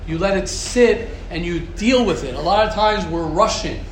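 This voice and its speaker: A man's voice: sits high, expressive, normal speed. A middle-aged man teaching a Torah class as a rabbi, asking rhetorical questions and repeating himself, mixing in Hebrew and Yiddish terms. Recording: echoey room with background noise.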